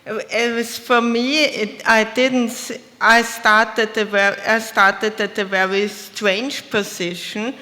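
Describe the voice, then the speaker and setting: Panelist: woman, bright voice, hesitant storytelling, reverberant hall. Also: fairly high pitch, level tone, slow, hardly any pauses. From Austria. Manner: hesitant, self-correcting storytelling. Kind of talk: convention panel talk. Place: convention panel room. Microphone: shared handheld mic.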